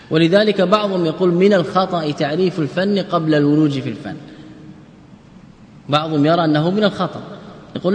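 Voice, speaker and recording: A man teaching a class as an Islamic scholar. He asks his students questions, answers them himself, and repeats words as he explains. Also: fairly high pitch. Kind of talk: classroom lecture on jurisprudence and grammar. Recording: echoey hall recording.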